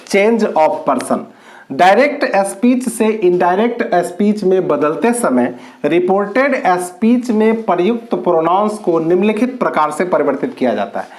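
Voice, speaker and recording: A man teaching an English grammar lesson, explaining slowly with drawn-out words and repeated points. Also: medium pitch, darkish tone.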